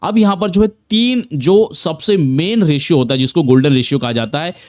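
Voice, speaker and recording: A man's voice: fairly high pitch, lively intonation, normal speed, darkish tone, no echo, studio quality. A man giving a casual, repetitive screen-share trading tutorial, full of fillers and restarts. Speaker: trading educator.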